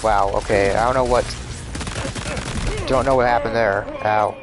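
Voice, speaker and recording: A man's voice: on the low side, steady tone, unhurried, noisy background. A man casually commenting while livestreaming a video game, muttering frustrated reactions as he plays. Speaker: streamer playing a video game. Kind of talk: casual live gameplay commentary.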